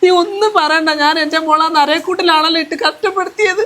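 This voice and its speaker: A woman's voice: very high voice, steady tone, fast talker, fairly bright tone. A woman playing a weeping remorseful mother-in-law. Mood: tearful pleading. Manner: tearful, pleading. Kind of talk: amateur short-video drama. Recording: music playing behind voice.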